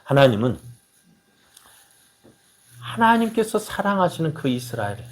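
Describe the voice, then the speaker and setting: A man's voice: medium pitch, moderate pace, slight background noise. A male pastor preaching a sermon, asking the congregation questions and answering them himself, and reading scripture aloud in a raised voice. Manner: acts out quoted mocking voices.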